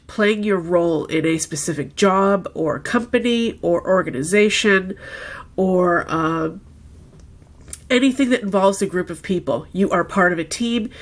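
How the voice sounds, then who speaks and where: A tarot reader with a lowish voice sounds nasal and congested from a head cold as she talks through a weekly reading in a casual way. She frequently pauses to ask "okay?"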